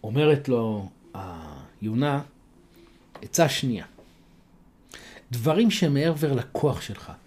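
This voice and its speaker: A man telling a moral folk tale, pausing to explain its lessons. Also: medium pitch, darkish tone, husky. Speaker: storyteller.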